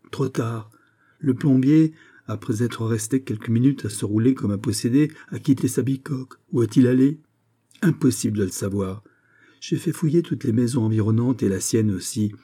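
A man's voice: medium pitch, mellow, slightly rough, lightly acted. A man reading an audiobook, voicing an agitated police chief giving an urgent report. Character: agitated middle-aged male police chief. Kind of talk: audiobook character voice.

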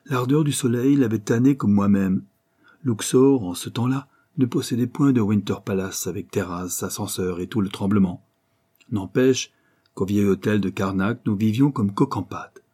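A man's voice: fairly low pitch, normal speed, mellow, slightly rough. A man voicing a tall, graying archaeologist who tells a tale in a commanding, storytelling manner. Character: tall weathered graying male archaeologist, authoritative.

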